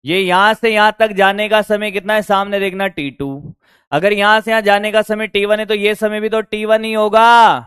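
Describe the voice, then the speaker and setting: A male physics teacher, lecturing online at a board, his voice hoarse from shouting, coaxing students and checking whether they follow. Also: high voice, steady tone, normal speed, dry recording, clean studio sound. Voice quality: strained, worn voice. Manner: coaxing, keeps asking if students got it.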